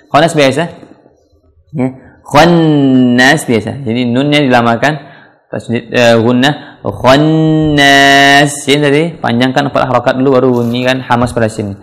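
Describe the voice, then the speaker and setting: A man teaching Quran pronunciation, explaining patiently and then chanting verse fragments slowly. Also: mid-range voice, fairly even intonation. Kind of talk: tajwid lesson with slow recited examples.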